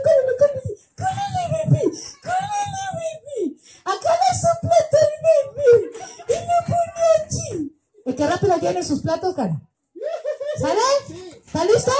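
A woman with a Mexican accent hosting party games for children as a clown, playful and joking, often shouting commands. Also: sits high, a little hiss or hum, low-quality recording.

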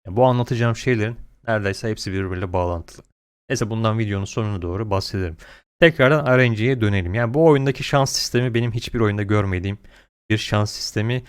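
A man's voice: on the low side, fast, smooth. A man giving blunt, opinionated gaming commentary, complaining in slangy, mildly sweary language. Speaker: gaming video creator.

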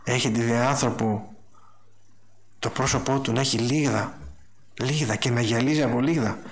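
A man preaching a sermon, telling stories and acting out the dialogue in a raised, animated voice. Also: medium pitch.

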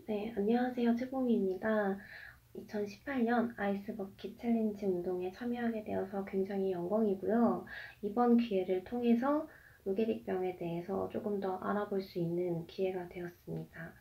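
Woman, mellow tone, middle pitch, polite formal address to viewers, recorded at a distance. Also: steady tone, moderate pace. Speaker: streamer taking part in a charity challenge. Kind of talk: addressing viewers, campaign announcement.

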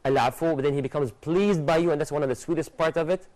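Animated and gesturing, a young man recites Arabic verses rapidly during a religious TV lesson for studio guests. His voice is a little high, captured on a lapel mic in the studio, and the recording is rough.

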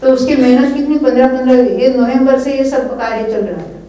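A woman's voice: sits high, steady tone, a little fast, warm tone. Older woman teaching in an echoey hall. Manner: earnest, encouraging, often asks "right?". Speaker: scripture teacher. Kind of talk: lecture at a religious study camp. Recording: echoey hall, voice from far off the mic.

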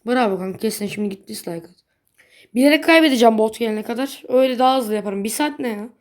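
A woman's voice: fairly high pitch, fast talker. A young woman chatting casually while playing a mobile game, blunt and easily frustrated, swearing lightly at her bad luck. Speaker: gaming video creator. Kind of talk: casual gameplay commentary.

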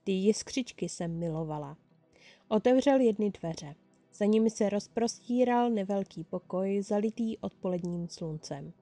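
Storyteller: a woman reading fan fiction aloud, first person and lively, with a dark, mellow voice and a dry, close sound. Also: mid-range voice, dry recording, soft background music.

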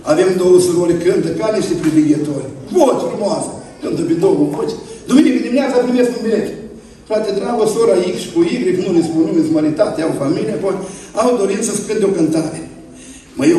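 A man's voice: high voice, dark tone, a little hiss or hum. A man preaching a storytelling sermon to a congregation, joking and acting out voices in his stories. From Romania. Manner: folksy, jokes with the congregation, acts out voices in stories. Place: large church hall. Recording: distant mic, very echoey hall.

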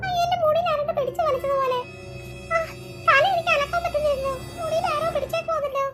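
A woman's voice: extremely high pitch, steady tone, quick pace, fairly bright tone, faint music behind. A woman voicing a young girl who is upset and wails and whines about her lost hair. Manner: wailing, whiny complaints.

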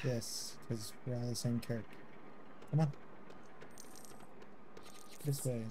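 A man's voice: medium pitch, steady tone, slow, noisy background. A man in his thirties chatting casually while playing a game, giving short guiding instructions. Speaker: streamer, parent gaming with child. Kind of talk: casual gameplay chat. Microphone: streaming microphone. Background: game music.

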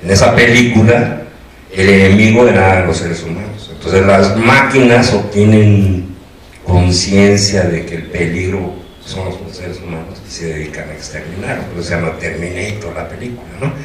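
Low-voiced Mexican man in echoey room. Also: moderate pace, recorded from a distance, slight background noise. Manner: rambling, chatty, many restarts. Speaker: moderator, academic. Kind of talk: casual panel commentary. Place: lecture room. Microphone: distant room mic.

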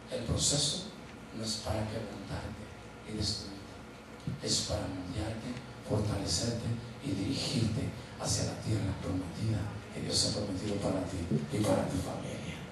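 A male pastor, preaching a sermon, telling a personal story and acting out its dialogue before turning to earnest exhortation. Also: fairly low pitch. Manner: acts out dialogue, then slows to earnest exhortation. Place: large church sanctuary. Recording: very echoey hall, distant mic, noisy.

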